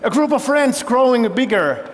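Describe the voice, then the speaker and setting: Male CEO, fairly high voice, keynote storytelling with audience questions, long hall echo. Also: sing-song, moderate pace. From Finland. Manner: engaging, quizzes the audience with show-of-hands questions. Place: large festival hall stage.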